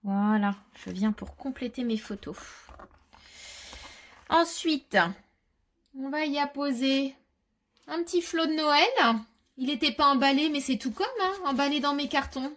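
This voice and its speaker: A woman with a fairly high voice talks viewers through a craft project step by step. She keeps a relaxed, chatty flow, explaining as she works and now and then muttering softly to herself. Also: measured pace, pauses often, slight background noise. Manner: chatty, explains while working, with quiet muttered asides. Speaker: crafter presenting a scrapbooking tutorial. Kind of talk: casual step-by-step craft tutorial.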